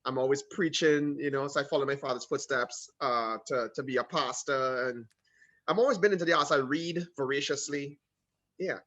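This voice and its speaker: Through a muffled recording comes a mid-range male voice with a Trinidadian accent. The man, from Trinidad and Tobago, tells his story as a guest on a casual video call interview, animated and quick with asides.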